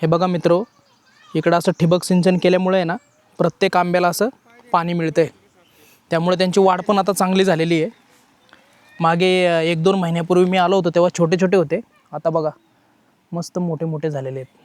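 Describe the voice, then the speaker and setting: A man's voice: sits high, little pitch movement, brisk, pauses often. A man, chatting cheerfully as he walks through his farm for a village vlog, laughing often. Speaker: vlogger. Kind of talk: casual village vlog narration. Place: outdoors on farm fields.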